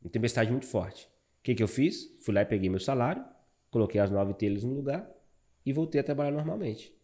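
Fast-talking Brazilian man telling his story. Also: medium pitch. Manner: animated, fills talk with "cara". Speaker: guest, barber. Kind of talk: casual storytelling interview.

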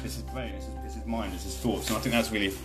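A British man hosts his own podcast solo, rambling, making jokes at his own expense and swearing freely. His fairly low voice holds a steady tone and rattles along very fast over music.

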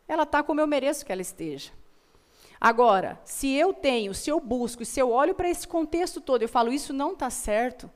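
A Brazilian woman speaking as a motivational guest, telling personal stories in an earnest, emphatic way and repeating phrases for effect. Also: fairly high pitch. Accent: Brazilian Portuguese. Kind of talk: motivational storytelling conversation.

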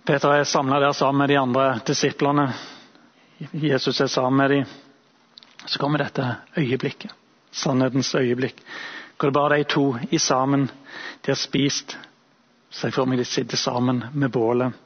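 A male preacher giving a sermon, retelling a Bible story in a reflective, imaginative way with thoughtful pauses. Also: mid-range voice, flat delivery, breathy edge, muffled recording.

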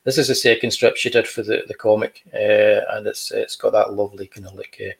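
A man's voice: fairly low pitch, little pitch movement, brisk, vocal fry, rough recording. A man, a comic book creator talking casually and showing his artwork, chatty with dry humor.

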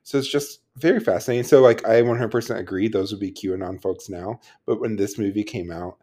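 Low mellow guy on a podcast, thoughtful, kinda rambly, dry sarcasm here and there. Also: a little fast. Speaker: podcast co-host. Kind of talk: casual chat.

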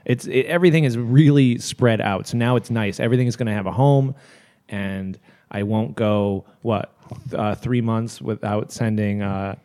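A man's voice: on the low side, moderate pace, mellow. Casual male podcaster in an echoey room. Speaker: podcast co-host. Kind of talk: casual group podcast chat. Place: basement studio with wood floors and brick walls. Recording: echoey, unfurnished basement room.

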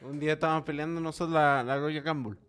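A man's voice: a little high, fairly even intonation, fast talker, fairly bright tone, clean tone. A young man with a Chilean accent, chatting casually as podcast co-host with laid-back, dry slang remarks. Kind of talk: casual chat.

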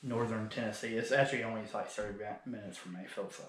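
A man's voice: fairly low pitch, fairly even intonation, quick pace, echoey room, very noisy. A young man co-hosting a podcast, talking in a chatty, easygoing way and laughing often. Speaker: podcast co-host. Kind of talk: casual chat.

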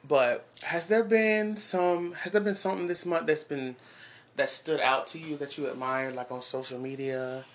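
A man in his twenties hosting a casual podcast, animated and hyped, full of slang and exclamations. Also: fairly high pitch, moderate pace. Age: 20s. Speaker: podcast host.

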